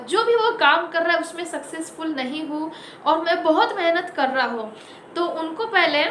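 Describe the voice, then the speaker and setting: A woman hosting her own motivational talk, her voice very high and bright. She exhorts her listeners in short, emphatic bursts and repeats key lines for weight. The recording carries a roomy echo. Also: a little hiss or hum. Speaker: motivational speaker with own channel.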